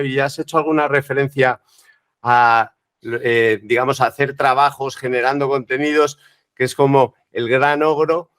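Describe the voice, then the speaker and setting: Smooth-voiced male interviewer. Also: mid-range voice. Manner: asks long questions with frequent "¿no?" tags. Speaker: interviewer host. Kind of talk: interview conversation.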